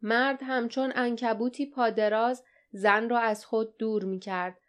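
A woman narrating an audiobook in a steady, dramatic storytelling style. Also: a little high. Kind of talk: scripted narration.

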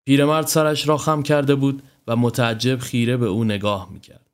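Man, storyteller, horror narration, steady reading, mid-pitched voice.

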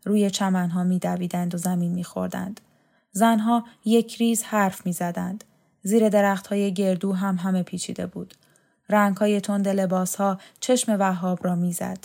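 This is a woman narrating a literary story in a steady, measured way. Her voice has a grainy, gravelly edge, and it barely rises or falls as she reads. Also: medium pitch. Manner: calm, measured reading with brief acted dialogue. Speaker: audiobook narrator.

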